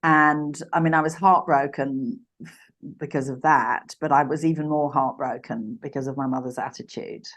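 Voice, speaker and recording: A woman in her sixties from Uganda, a podcast guest telling her life story in a reflective, halting way with frequent restarts. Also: extremely low pitch, steady tone, muffled recording. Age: 60s. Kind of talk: personal storytelling in a podcast interview.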